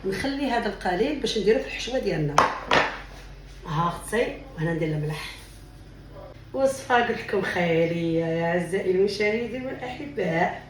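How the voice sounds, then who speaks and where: A cooking vlogger shows a recipe in her home kitchen, chatting warmly and calling her viewers sisters as she goes. Her mid-range voice is animated and quick. There's a little hiss or hum, and the distant mic picks up an echoey room.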